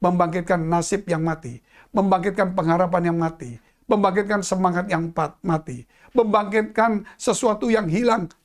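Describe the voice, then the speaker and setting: Male pastor mid-sermon; theatrical, swings from loud to near-whisper. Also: fairly even intonation, moderate pace. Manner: dramatic swings in pitch and volume, drops to hushed tones; addresses congregation as "saudara". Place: church.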